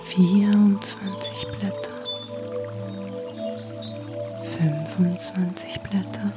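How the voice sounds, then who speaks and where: Very slow, hushed female sleep story narrator. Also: mid-range voice, fairly even intonation, loud music behind the voice. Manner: soothing, unhurried, breathy soft delivery with long pauses.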